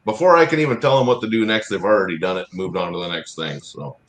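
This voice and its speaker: A man's voice: low-pitched, fast talker. A middle-aged man chatting casually as an interview guest, blunt and self-deprecating. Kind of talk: casual chat. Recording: roomy, echoey sound.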